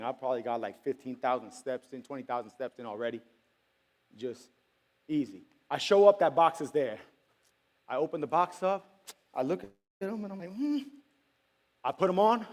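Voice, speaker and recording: A man preaching a sermon in a casual, storytelling way, acting out conversations with sudden high-pitched exclamations. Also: a little mellow.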